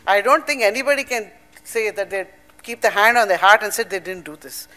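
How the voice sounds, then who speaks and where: A woman's voice: mid-range voice, animated, a little fast, bright, forceful tone. An older woman with an Indian English accent speaking earnestly at a public event, mixing emphatic points with personal stories. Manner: earnest, emphatic, storytelling with asides. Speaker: panel speaker.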